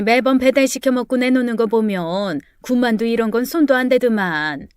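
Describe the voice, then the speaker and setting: A woman voicing a rude, entitled middle-aged female neighbor who talks in a shrill, indignant way. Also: smooth, dry recording, clean studio sound, close to an everyday voice. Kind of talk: storybook dialogue.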